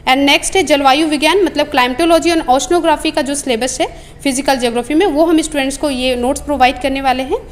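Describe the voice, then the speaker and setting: A coaching institute staff member's high voice moves a little fast as she works through study notes one booklet at a time, explaining and listing material while repeating phrases and hesitating often.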